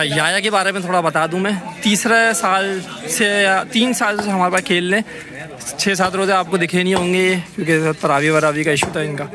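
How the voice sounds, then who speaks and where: A man giving excitable live commentary on a night street cricket match, shouting praise for good deliveries. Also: high-pitched, fairly quick. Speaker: vlogger doing live commentary. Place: outdoor floodlit street cricket ground at night. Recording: noisy crowd around a phone mic.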